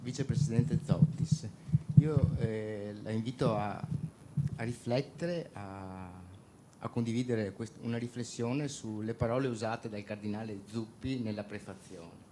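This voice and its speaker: A man with a fairly low voice moderates a public event. He introduces the next speaker hesitantly, restarting his phrases. A faint background noise sits under his voice. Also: measured pace, mellow, rough recording.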